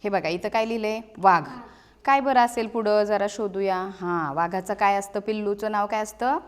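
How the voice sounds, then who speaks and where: A woman's voice: medium pitch, moderate pace, smooth. A woman teacher with a Marathi accent walks a pupil through a classroom teaching aid. She speaks patiently and coaxingly, asking one question after another and echoing each answer back.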